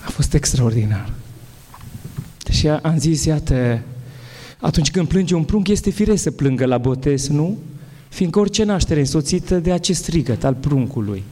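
A man, an Orthodox bishop, giving a spiritual talk and answering questions in an animated, halting way with many restarts. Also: on the high side, long reverb tail.

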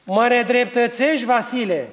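Accusing devil, read by a man, high voice, steady reading, echoey church hall. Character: accusing male devil pleading his claim.

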